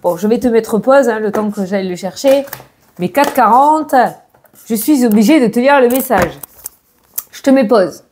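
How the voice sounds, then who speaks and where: A woman's voice: on the high side, moderate pace, pauses often, darkish tone, a little hiss or hum. A woman doing a casual tarot and oracle card reading, chatting straight to the viewer and often correcting herself mid-sentence.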